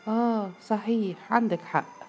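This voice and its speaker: A woman's voice: fairly high pitch, sing-song, fast talker, gravelly, darkish tone, muffled recording, faint music behind, pitched above the performer's own voice. A woman with an Egyptian accent voicing a nosy young female student friend who talks in a mocking, eager way. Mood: teasing.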